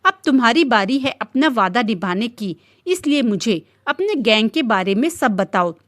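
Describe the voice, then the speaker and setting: A woman's voice: a little high, animated, moderate pace, fairly bright tone. A woman voicing a stern, protective male police officer who speaks firmly and reassuringly in a storybook reading. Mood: firm, gentle.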